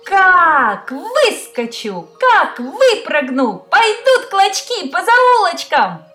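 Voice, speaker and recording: A woman doing a shrill sly fox threatening from the stove. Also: sing-song, extremely slow, sharp tone, soft background music, heavily acted. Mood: menacing, boastful.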